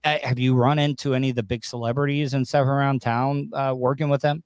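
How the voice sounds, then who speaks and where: In a small home studio lined with acoustic foam, a podcast host casually interviews a guest, speaking into a close boom-arm studio mic. His medium-pitched voice is smooth and level, though his delivery rambles and halts. The sound is dry, with no echo.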